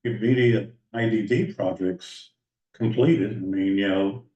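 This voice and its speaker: A man on a port board, speaking in a measured, hedging way during a public meeting held over a video call. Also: lowish voice, dark tone. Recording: distant, dull, echoey video call audio.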